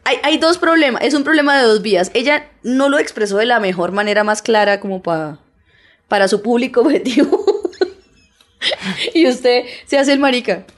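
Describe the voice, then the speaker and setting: Woman, Colombian accent, teasing, casual podcast chat, slightly high voice. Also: lively intonation. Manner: teasing, quick to mock. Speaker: podcast co-host. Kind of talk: casual chat among friends.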